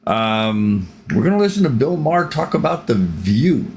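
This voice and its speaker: A man's voice: medium pitch, big pitch swings, normal speed, a little mellow, a little hiss or hum. An older man hosting a reaction channel, giving rambling, opinionated commentary with frequent ums.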